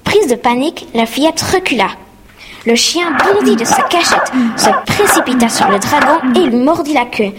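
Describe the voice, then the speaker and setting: A woman narrating a children's storybook in a clear reading voice. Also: high voice, expressive, normal speed, very noisy. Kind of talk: scripted narration.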